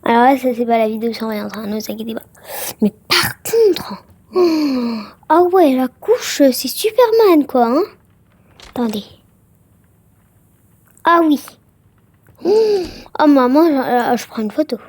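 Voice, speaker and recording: A woman's voice: high-pitched, lively intonation, measured pace, pauses often, darkish tone, breathy edge, no echo. A woman casually commenting on a game she plays for viewers, chatty and full of exclamations and filler words. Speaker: gaming vlogger.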